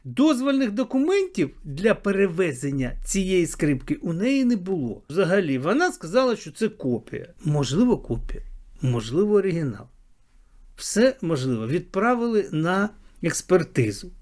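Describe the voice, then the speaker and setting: A man talks straight to his viewers in a fairly high voice, commenting with a dry, sarcastic edge. He repeats short phrases to hammer a point home. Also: big pitch swings, normal speed, a little mellow. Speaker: video blogger. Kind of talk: commentary to camera.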